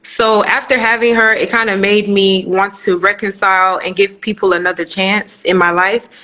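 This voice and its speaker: A woman's voice: medium pitch, flat delivery, normal speed, pushed and bright, rough recording. A young woman from Nigeria, a guest on a live-streamed interview, recounts her story frankly. She talks in a plain, mid-height voice, often circling back and restarting sentences, and she pads her thoughts with fillers. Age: 20s.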